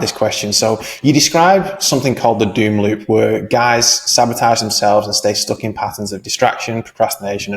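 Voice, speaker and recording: A man with a low voice hosts a podcast interview. He puts brief questions to his guest in a calm way. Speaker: podcast host.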